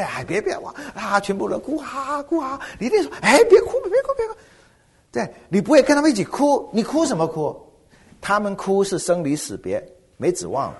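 A middle-aged man, a pastor, preaching a sermon with animated rhetorical questions. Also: a little high, slightly rough.

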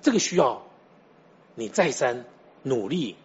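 A man's voice: mid-range voice, very animated, measured pace, breathy edge, dull audio. A man preaching a sermon in a conversational way, telling stories and often asking the listeners directly whether they follow. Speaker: pastor.

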